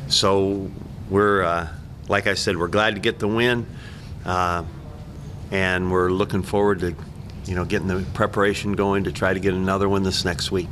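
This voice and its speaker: A man's voice: low-pitched, flat delivery, normal speed, a bit bright, slight background noise. An older man, a head coach, speaking plainly at a post-game press conference and often restarting his sentences. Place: press room, seated at table. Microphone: table mic.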